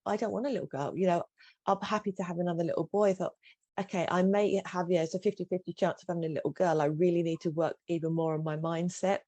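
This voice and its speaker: Her life story comes out slowly and earnestly as this middle-aged woman, a guest coach on an interview show, restarts often. Her fairly low, mellow voice keeps a fairly even intonation, and the dry recording has no room sound.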